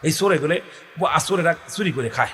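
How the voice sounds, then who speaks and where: A man's voice: on the high side, expressive, a little fast. A male preacher giving an emotional sermon, often urging the crowd to call back. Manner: emotional, calls on the crowd to respond. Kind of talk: Islamic waz sermon. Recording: echoey hall over loudspeakers.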